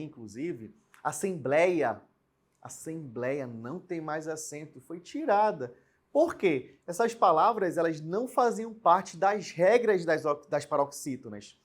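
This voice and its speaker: A young man teaching a recorded online grammar lesson, explaining in a lively way and often checking in with rhetorical questions. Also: fairly high pitch.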